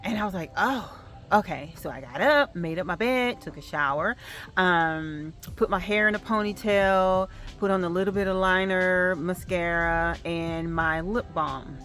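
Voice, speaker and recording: A middle-aged woman vlogging to camera, telling a story in a chatty, animated way with plenty of fillers. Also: on the low side, measured pace.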